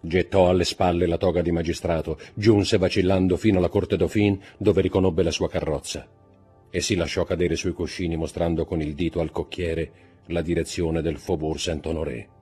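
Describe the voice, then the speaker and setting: A man reading a classic novel aloud as a dramatic, measured audiobook narrator. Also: deep voice, fairly even intonation, mellow, slightly rough, soft background music.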